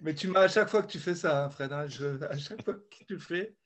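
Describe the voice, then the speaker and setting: A man hosting a casual chat among friends, running a game in an animated way and laughing often. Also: on the high side, fast, slight background noise. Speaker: host.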